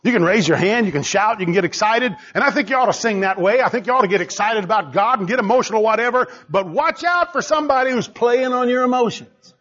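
Animated pastor preaching, muffled. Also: male voice, fast talker, few pauses. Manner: animated, swinging between loud exhortation and low asides. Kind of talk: sermon.

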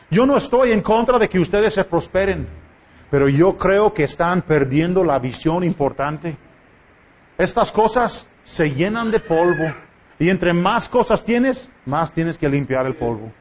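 A man preaching a sermon to his congregation in a church, pressing them with impassioned rhetorical questions. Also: high-pitched. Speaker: pastor. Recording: dull lo-fi church recording.

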